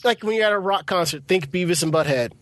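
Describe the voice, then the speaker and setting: A man's voice: high voice, fast, fairly bright tone, a little hiss or hum. A man co-hosting a podcast, chatting casually in an easygoing way about anime and conventions. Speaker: podcast co-host and audio handler. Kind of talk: casual chat.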